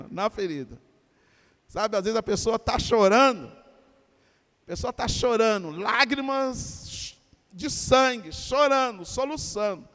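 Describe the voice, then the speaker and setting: Animated Brazilian pastor preaching in a hall. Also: male voice, sits high, slow. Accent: Brazilian Portuguese. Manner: animated preaching with call-and-response to congregation. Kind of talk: sermon. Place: church.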